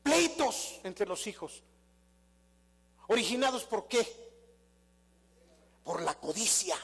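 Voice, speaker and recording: An older man with a Mexican accent preaches in a high-pitched voice. He tells stories in a conversational way and keeps asking his congregation questions. His voice rings with a long reverb through the church hall. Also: big pitch swings, slow, creaky, a bit bright, husky. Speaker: pastor. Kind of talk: sermon. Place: church sanctuary.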